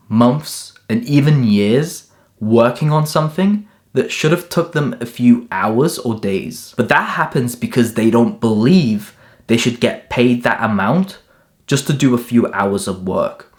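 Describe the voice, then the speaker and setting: A man's voice: mid-range voice, animated, slow, darkish tone. A young man, born in Turkey and raised in England, delivering a direct, motivational self-improvement monologue in short punchy lists. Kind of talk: scripted self-help monologue.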